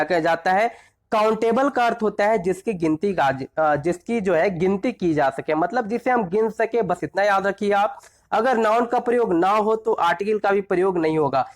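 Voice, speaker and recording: A man teaching a grammar lesson. He keeps asking quick questions and answering them himself, often checks that the listener is following, and reads example phrases slowly. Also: high-pitched. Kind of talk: classroom-style grammar lesson.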